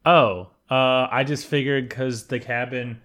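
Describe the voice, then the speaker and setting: A man's voice: medium pitch, steady tone, measured pace, a bit bright. A man co-hosting a casual podcast with wry, sweary remarks, recorded inside a wooden cabin. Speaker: podcast co-host. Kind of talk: casual chat.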